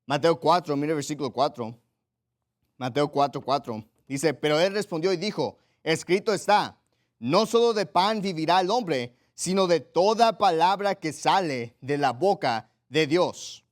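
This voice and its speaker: A man's voice: a little high, expressive, measured pace. A pastor preaching a sermon emphatically, repeating his points, checking in with the congregation and reading Bible passages aloud. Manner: directs listeners to Bible passages and reads them aloud.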